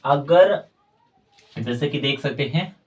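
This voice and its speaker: A man's voice: mid-range voice, takes it slowly, a little mellow, highs cut off. Male English tutor, patient repetitive classroom delivery. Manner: explains by repeating words, addresses viewers as friends. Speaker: English teacher. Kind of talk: classroom-style grammar lesson.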